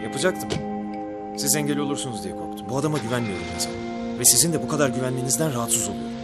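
A man's voice: mid-range voice, animated, racing, lightly acted. A young male actor playing a blunt, distrustful, sullen man in a TV drama. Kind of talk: TV drama acting. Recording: music behind the dialogue.

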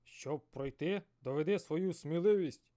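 Storybook villain: booming sea serpent, done by a male narrator, loud and imposing. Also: measured pace, close to an everyday voice. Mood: menacing. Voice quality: thunderous, booming.

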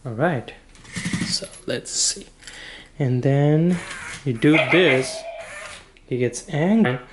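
Slow-talking man, casual demo, noisy recording. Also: on the high side. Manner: informal, halting, thinking aloud. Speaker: product reviewer. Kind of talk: casual hands-on demonstration. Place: indoor room with wooden floor.

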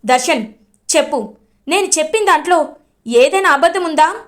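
A woman's voice: sits high, animated, normal speed. A woman voicing a stern, fierce middle-aged mother who scolds sharply and with emphasis. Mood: furious.

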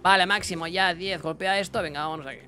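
A young man giving casual let's-play commentary, excitable, talking to himself and his chat with bursts of yelps. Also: high voice, fast talker, music in the background. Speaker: gaming streamer.

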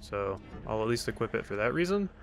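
On the low side with vocal fry, a man speaks briskly in a sing-song manner as a let's play host, casually and wryly teasing characters and reading on-screen text. Soft background music and faint game sounds can be heard.

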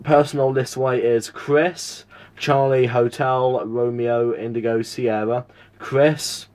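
Indoors at a home radio setup, a man from the United Kingdom with a southern English accent makes casual CB radio contact. His mid-range voice is slow, flat, and a little mellow. Acting as an operator, he stays friendly, repeating details, giving call signs, and spelling things out.

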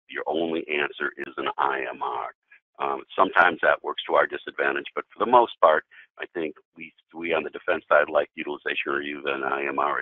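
A middle-aged man, a defense attorney, lectures in a training webinar with a very deep, somewhat husky voice. He slips in dry sarcastic asides and stumbles through ums and restarts. The recording is dry and narrow, like a phone line. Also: no echo.

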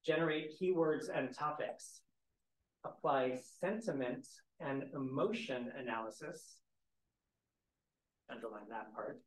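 A man moderating a university panel, reading speaker bios with light asides and self-deprecating humor. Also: medium pitch. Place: university lecture hall. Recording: echoey lecture hall.

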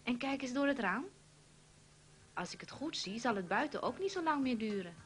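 A woman's voice: animated, normal speed. Good-natured teasing husband, upbeat, coaxing, as a woman reads him, children's storybook. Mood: relieved. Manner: upbeat and coaxing, a bit louder and higher.

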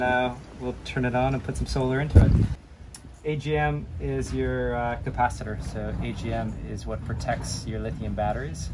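A man in his thirties, a sailing vlogger, explaining a battery install in a relaxed, practical way with many fillers, recorded on a boat at a marina. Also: mid-range voice, very noisy. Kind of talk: casual explaining while working. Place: catamaran engine room and cockpit, outdoors at a marina.

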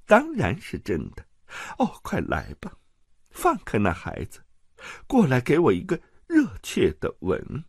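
A man's voice: medium pitch, wildly swooping pitch, a little slow, creaky, husky, no room sound, studio quality, pitched above the performer's own voice, heavily acted. A man voicing a silky, scheming nobleman. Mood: soothing. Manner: coaxing, silky, falsely tender. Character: smooth scheming nobleman, soothing and sly. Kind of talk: audiobook character voice.

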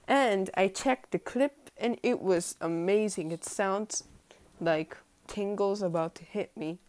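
A woman's voice: mid-range voice, darkish tone. A woman filming a rambling, chatty vlog update in her bedroom at home, with the hiccups. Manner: rambling, chatty, lots of fillers. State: has the hiccups. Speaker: vlogger.

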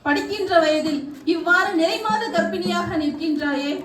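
A woman's voice: extremely high pitch, moderate pace, a bit bright, recorded from a distance, faint music behind. A woman playing a devoted minister in a Tamil street-theatre play, speaking in respectful, formal tones. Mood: earnest. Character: loyal devoted female minister to the queen. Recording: roomy outdoor stage recording from afar.

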